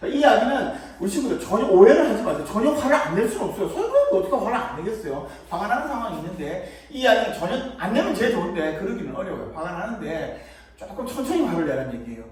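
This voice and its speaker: A man's voice: sits high, sing-song, fast talker, darkish tone. A man giving a children's sermon at a church, playful and acting out little scenes, picked up from a distance in a church hall. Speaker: children's preacher. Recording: echoey room, mic far off.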